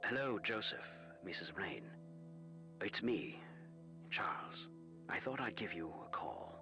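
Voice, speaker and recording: A deep, hushed caller leaving a voicemail on a home answering machine in a video game. The message plays back faint and distant from the tape. Music runs underneath. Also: male voice, expressive, measured pace. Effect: played back from an answering machine tape, faint and distant.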